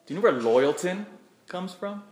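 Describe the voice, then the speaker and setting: A man's voice: sits high, expressive, moderate pace. An American man preaching as a priest in church, addressing the congregation directly in a conversational way. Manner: asks the congregation questions, repeats phrases. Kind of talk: Gospel reading and conversational homily. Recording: echoey church.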